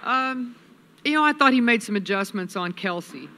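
A woman in her fifties, a head coach at a postgame press conference, speaking in a measured, analytical way into a table microphone. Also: fairly high pitch, animated, sharp tone. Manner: measured, analytical, many restarts. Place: press room with sponsor backdrop. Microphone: table mic on a stand.

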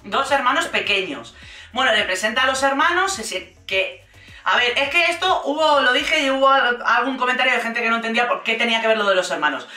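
Woman, sarcastic reality-show commentary, expressive, echoey room. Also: on the high side, a little fast, recorded from a distance, faint music behind. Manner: sarcastic and expressive, mimics people in quoted voices. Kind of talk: casual reaction commentary.

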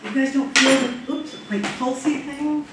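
A woman speaking as a psychic medium in a casual paranormal session, haltingly and repeating her words. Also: high voice, steady tone. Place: indoors in hotel room. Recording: distant, echoey room, loud noise.

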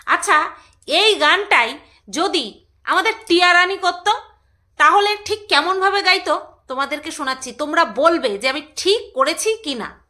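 A woman's voice: very high voice, animated, normal speed, pushed and bright. A woman vlogging in a casual, rambling chat, laughing often and breaking into song. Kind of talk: casual chat with snatches of singing.

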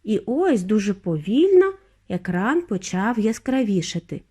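A woman narrating a children's audiobook with expressive storytelling. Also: mid-range voice, a little slow, husky.

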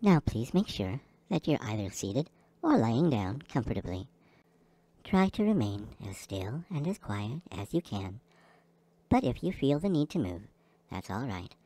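A man guiding a listener through a slow, soothing hypnosis session. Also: medium pitch, big pitch swings, dark tone, no echo. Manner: slow, soothing, repetitive delivery. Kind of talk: guided hypnosis script.

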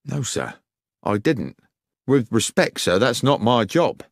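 Reader plays nervous, earnest railway guard, raised pitch, lively. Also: male voice, takes it slowly, creaky, dry recording, clean studio sound, exaggerated voice. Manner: earnest, deferential, defensive. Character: anxious working-class male railway guard.

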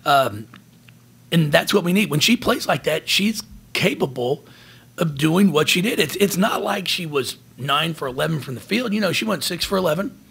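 A man in his forties, a basketball head coach, answering questions at a post-game press conference from behind a table microphone, earnest and halting, often restarting his words. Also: on the high side, lively intonation, creaky, fairly bright tone, slightly rough. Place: press room in front of a team backdrop. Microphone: table microphone in front of him.

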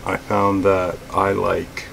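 Middle-aged man, deep and rough-edged, unhurried casual vlog delivery with a faint room hum behind. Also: low-quality recording. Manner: relaxed, plain-spoken, with frequent fillers. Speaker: outdoors vlogger. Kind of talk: casual gear talk to camera. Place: small indoor room with shelves of gear.

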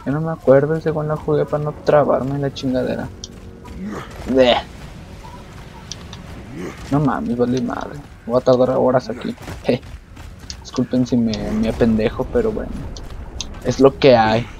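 A man's voice: mid-range voice, a little slow, vocal fry, long pauses, a little mellow, a little hiss or hum. A man with a Mexican accent giving crude, joking let's-play commentary while he plays. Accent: Mexican Spanish. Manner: crude, profane, joking banter. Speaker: gamer streamer.

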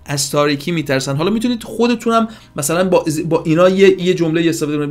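A man with a slightly high voice gives an informal English lesson, and his first language is Persian. He chats quickly to his viewers as friends and kids. He then slows to careful, deliberate English examples. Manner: switches between fast chatty explanation and slow, careful example sentences; addresses viewers warmly as friends and kids, with filler hesitations. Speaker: English teacher. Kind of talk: casual video lesson.

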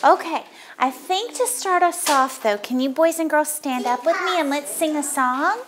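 A woman's voice: high-pitched, lively intonation, normal speed, background noise. A middle-aged woman leading storytime, talking to toddlers in an encouraging, sing-song way. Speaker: children's library storytime leader. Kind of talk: leading songs and talk for young children. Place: indoor library children's room with windows.

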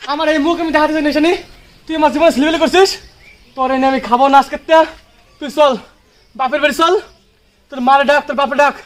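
A man's voice: very high-pitched, steady tone, a little fast, long pauses. A man playing a furious jealous husband. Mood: angry. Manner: accusing, repeats himself, half laughing. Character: jealous angry husband, middle-aged man. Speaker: channel host in a family skit. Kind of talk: amateur comedy skit acting. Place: outdoors in a garden.

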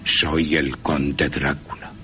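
A man voicing a courteous, sinister vampire count in a slow, solemn manner, with an accent from Spain. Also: rumbling low, flat delivery, sharp tone, faint music behind, voice pushed down, full character voice. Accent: Spanish (Spain).

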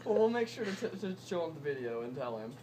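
A woman's voice: low voice, sing-song, fast. A woman off camera in a small hospital room, asking casual, teasing questions. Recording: very noisy phone recording.

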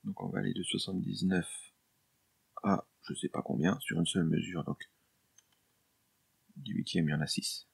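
A French composer explains his work at home in an easy, informal way, full of fillers and restarts. His voice sits low and has a gravelly edge. The sound is close and dry, with no room around it. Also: fairly even intonation, moderate pace, pauses often, no echo. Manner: chatty and explanatory, with frequent fillers and self-corrections; addresses the viewer informally, jokes lightly. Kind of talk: casual screen-share tutorial vlog. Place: home, during lockdown.

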